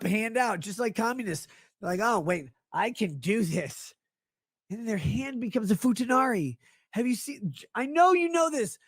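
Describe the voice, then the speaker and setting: A man's voice: sits high, dry recording, studio quality. A drunk man ranting on a livestream in a rambling, profane way, jumping between tangents.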